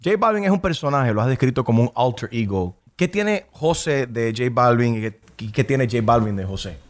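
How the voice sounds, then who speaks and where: A man's voice: medium pitch, expressive, normal speed. A middle-aged man hosting a podcast interview, teasing his guest and mixing in English phrases. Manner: playful, teasing, switches into English. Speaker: podcast host.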